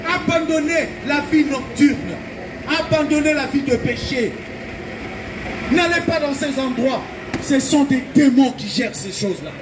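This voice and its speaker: A Belgian man with a very high-pitched voice preaches a fervent open-air evangelistic sermon, speaking a little slowly. He exhorts urgently and emphatically, repeating his phrases, with background noise in the recording.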